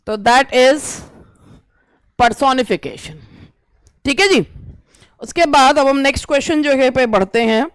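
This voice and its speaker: A woman teacher, reading English exam questions slowly and explaining them at length. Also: high-pitched, smooth, no echo. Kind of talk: exam-prep lesson.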